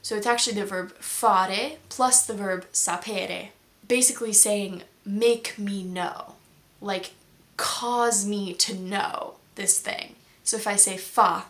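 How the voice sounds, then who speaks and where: A woman's voice: medium pitch, a bit bright. A woman who hosts a language-learning video channel, chatting casually and explaining patiently with many examples. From United States. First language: English.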